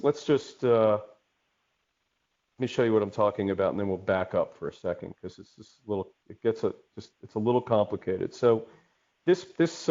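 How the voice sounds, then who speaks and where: A man's voice: on the low side, mellow. A man teaching an online webinar in a conversational way, often checking in with "okay?". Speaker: instructor. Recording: dull lo-fi webinar audio.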